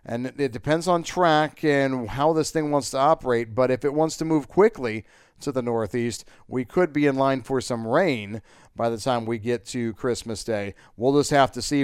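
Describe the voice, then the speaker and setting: A man's voice: mid-range voice, a little mellow, smooth, no echo, studio quality. A man giving a conversational weather forecast as a radio meteorologist.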